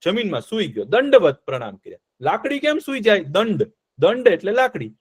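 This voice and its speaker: A high-pitched man tells a story to a group of children. He keeps stopping to ask them questions and then repeats the answers in a playful, lively way. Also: normal speed, breathy edge. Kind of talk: interactive storytelling lesson for children.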